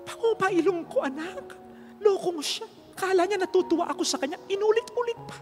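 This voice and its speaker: A man's voice: very high-pitched, animated, a little fast, a little mellow, voice pushed up. A man putting on the voice of his indignant mother, who complains shrilly to her son about being compared to someone. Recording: long hall reverb, faint music.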